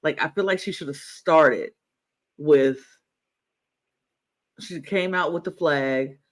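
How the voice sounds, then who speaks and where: A man's voice: fairly high pitch, slow pace, fairly bright tone. A man co-hosting a podcast, chatting casually and enthusiastically, rambling and repeating himself. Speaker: podcast co-host. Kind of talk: casual chat.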